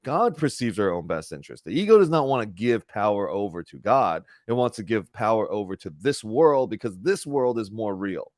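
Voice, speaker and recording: A man's voice: lowish voice, expressive, moderate pace, few pauses, dry recording, studio quality. A man in his thirties hosting a casual spiritual talk over a video call, earnest and chatty and often correcting himself. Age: 30s. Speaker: spiritual group host.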